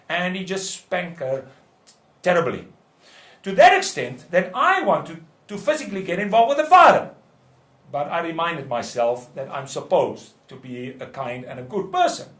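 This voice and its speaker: Earnest middle-aged guy preaching, high voice, echoey room. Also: a bit bright. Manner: earnest, pleading, emphatic repetition. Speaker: speaker teaching fathers. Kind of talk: preaching talk.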